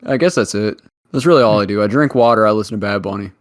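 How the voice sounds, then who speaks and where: A man's voice: on the low side, fast. A man guesting on a casual podcast as a streamer, teasing his co-host in a jokey manner with bursts of laughter. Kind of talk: casual chat.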